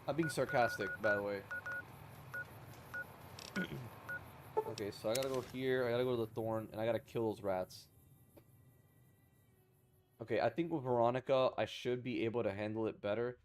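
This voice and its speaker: A man's voice: mid-range voice, normal speed, pauses often. Rambling male game streamer, noisy audio. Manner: rambling, self-correcting, sarcastic asides. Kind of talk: casual gameplay commentary.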